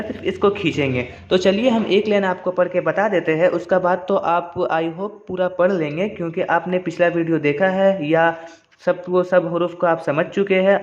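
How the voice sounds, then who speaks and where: A man with a slightly high voice gives a patient, step-by-step reading lesson. He drags syllables out slowly to demonstrate, then speeds up as he explains. The recording sounds dull and lo-fi. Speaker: Quran reading teacher.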